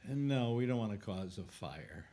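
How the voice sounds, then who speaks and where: A man's voice: on the low side, expressive, moderate pace, mellow. Rambling wry man in his eighties. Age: 80s. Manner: rambling, restarts sentences, wry. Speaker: host. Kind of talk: casual radio chat.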